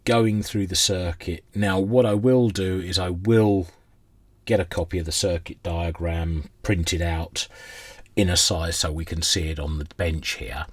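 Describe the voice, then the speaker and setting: A middle-aged hobbyist who restores vintage radios rambles in a self-deprecating way during an unscripted demo at his indoor workbench. His voice is low, steady, a bit slow and slightly rough, with no echo.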